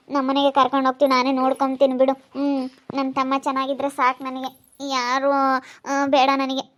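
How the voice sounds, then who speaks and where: A woman's voice: high voice, close to an everyday voice. A woman voicing a protective elder sister in an amateur family drama skit, insisting on taking the young couple home.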